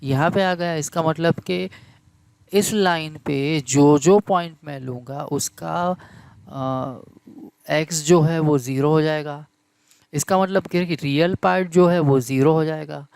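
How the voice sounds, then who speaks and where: A man's voice: fairly high pitch, creaky, darkish tone, smooth, dry recording. A man teaching a math lecture, repeating key terms and asking the class questions to check they follow. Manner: slow, deliberate delivery. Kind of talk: classroom lecture in Hindi mixed with English terms.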